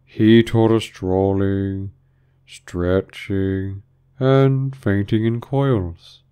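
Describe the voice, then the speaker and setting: Guy doing a gloomy old turtle creature for a storybook, sighs a lot, touchy, draggy slow talk. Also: lowish voice, steady tone, dark tone, smooth. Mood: weary. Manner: slow, drawn-out, sighing delivery. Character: mournful, sighing, touchy old Mock Turtle. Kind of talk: storybook character reading.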